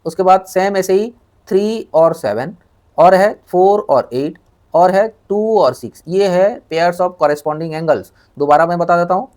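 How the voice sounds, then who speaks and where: A man's voice: high-pitched, measured pace, a little mellow. A man teaches a maths lesson in an explanatory voice. He repeats key terms and keeps asking rhetorical questions to check that students understand. He mixes English technical terms into his explanations.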